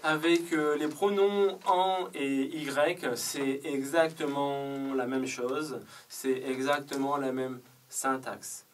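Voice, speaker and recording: A man teaching French grammar in a deliberate, step-by-step way, drilling conjugations one by one. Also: mid-range voice, fairly even intonation, distant mic, a little hiss or hum, rough recording. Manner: deliberate, repeats conjugations in careful steps. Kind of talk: slow grammar lesson with drilled examples.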